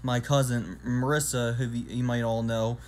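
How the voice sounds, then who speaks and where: A man's voice: medium pitch, little pitch movement, normal speed, a little mellow, slight background noise. A young man in his twenties talking casually to his phone camera at home, rambling with many ums and restarts. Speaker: vlogger. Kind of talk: casual vlog talk to camera. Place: indoors, small room at home. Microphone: phone camera at arm's length.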